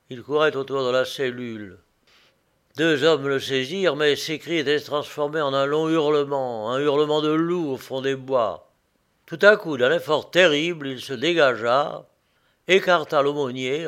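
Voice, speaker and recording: A man narrating a first-person story in a slow, measured reading. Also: mid-range voice, fairly bright tone.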